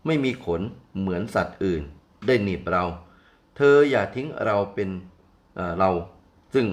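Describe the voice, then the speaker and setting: A man's voice: low voice, lively intonation, normal speed. An older man voicing a frightened male bull elephant who pleads urgently with his mate in a folk tale. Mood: pleading.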